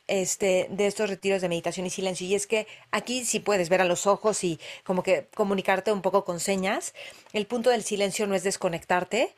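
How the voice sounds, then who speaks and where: A woman casually sharing personal stories about meditation retreats, expressive, with sudden exclamations and sound-effect words. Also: mid-range voice. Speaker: meditation practitioner.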